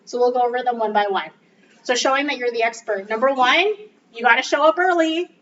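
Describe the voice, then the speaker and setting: Woman, high voice, upbeat coaching tone, casual, distant mic, dull sound, faint noise. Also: brisk, fairly bright tone. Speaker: real estate trainer. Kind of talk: group training talk.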